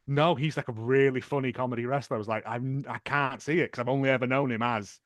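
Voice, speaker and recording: A man hosting a podcast in casual chat, excitable and rambling with repeated restarts. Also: mid-range voice, fast, dry recording, clean studio sound. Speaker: podcast host.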